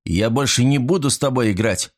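A man's voice: medium pitch, a little fast, pitched above the performer's own voice, natural voice. A man voicing an indignant young lord who exclaims and threatens a cheat.

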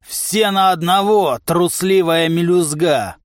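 A man's voice: sits high, sing-song, no room sound, clean studio sound, voice pushed up, heavily acted. A man doing a bellowing brutish giant. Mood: aggressive. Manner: bellowing, slow and boastful. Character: huge brutish male giant bully.

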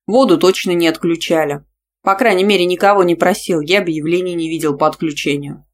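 A reader voicing a brash young male dragon shifter who talks gruffly and insistently. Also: sits high, steady tone, brisk, slight background noise, close to an everyday voice. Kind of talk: audiobook character voice.

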